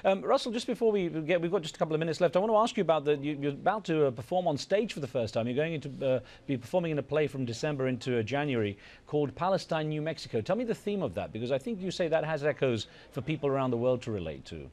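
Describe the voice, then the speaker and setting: A male host running a broadcast interview and bringing in callers briskly. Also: a little high, lively intonation, darkish tone.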